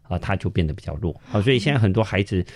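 A man's voice: low voice, expressive, racing, no room sound, clean studio sound. A man, a child-development expert guest on a radio show, explaining patiently with many filler sounds. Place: radio studio.

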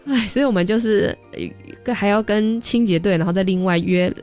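In a radio interview, a young adult woman who works as a social worker tells stories with lively flair, acting out the voices of the people she quotes. Her voice is mid-range and a little fast, with faint music playing behind her.

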